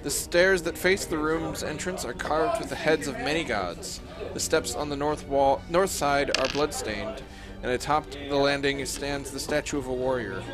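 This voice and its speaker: A man's voice: on the high side, normal speed, over music. A man narrating a tabletop game as game master, in a hesitant, self-correcting way.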